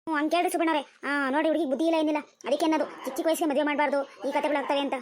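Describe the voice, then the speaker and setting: A woman's voice: high-pitched, steady tone, rapid-fire, a little mellow, close to an everyday voice. A woman voicing a fussy, preachy neighbor mother in a cartoon, gossipy and lecturing.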